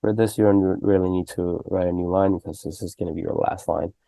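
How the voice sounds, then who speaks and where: Young male tutor, dark gravelly tone, laid-back conversational delivery. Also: sits low, steady tone, fast, dry recording. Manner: loose and conversational, full of "okay?" and "right?" checks. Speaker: programming tutor. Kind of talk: casual screen-recorded coding lesson.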